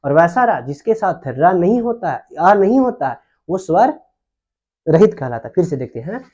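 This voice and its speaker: Guy teaching hindi grammar on a whiteboard, kinda high voice, keeps repeating stuff and asking the class. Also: warm tone. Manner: repetitive explaining, asks questions to students.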